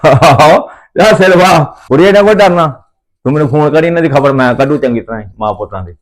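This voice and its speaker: In a family comedy skit, a man from Punjab, India plays an older father-in-law who rants, repeats himself and threatens his son. His fairly high voice moves at normal speed with a lightly acted delivery.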